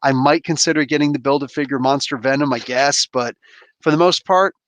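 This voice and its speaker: In his thirties and from New Jersey, this livestream host speaks at medium pitch, brisk and a bit bright, with no echo. He's laid-back and slangy, rambling and laughing often as he reads chat and opens toys.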